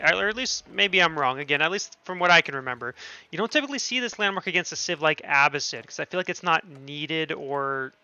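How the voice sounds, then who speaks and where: A man's voice: fairly high pitch, bright, forceful tone. A man casting an esports match on his stream, chatty and thinking aloud, often correcting himself. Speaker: streamer and caster. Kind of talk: esports commentary.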